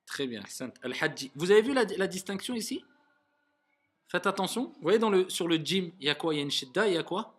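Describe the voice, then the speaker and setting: A man teaching Arabic reading to a class, patiently repeating words slowly and clearly to correct his students. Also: sits high, expressive. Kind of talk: classroom lesson.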